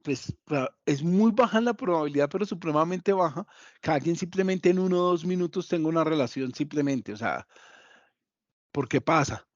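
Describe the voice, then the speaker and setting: A man's voice: on the high side, animated, normal speed, dry recording, dull audio. Man teaching with emphatic repetition. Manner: repeats key points for emphasis, addresses listeners directly. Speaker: psychologist giving a talk. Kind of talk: motivational lesson.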